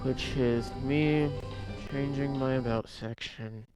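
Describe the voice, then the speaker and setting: A tired young man talking in a low-energy, rambling monotone, doing casual gaming commentary late at night. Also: slow pace, no room sound. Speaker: gaming vlogger. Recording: loud music underneath.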